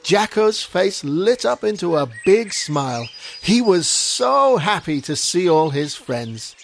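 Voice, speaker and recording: Storyteller, children's story, slow and lively, faint hiss. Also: mid-range voice, gravelly. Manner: gentle, expressive, unhurried.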